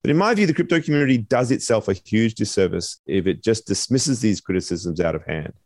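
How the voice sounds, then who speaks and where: A man co-hosting a podcast, reading a measured intro and then musing aloud in a thoughtful, filler-laden way. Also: on the low side, expressive, darkish tone, dry recording. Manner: measured, thoughtful, many "you know" fillers. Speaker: podcast co-host. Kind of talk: scripted intro then casual discussion.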